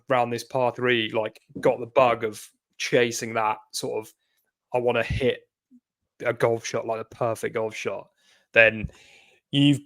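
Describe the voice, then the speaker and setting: A man, co-hosting a casual podcast chat, musing in a relaxed, friendly way. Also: medium pitch. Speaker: podcast co-host.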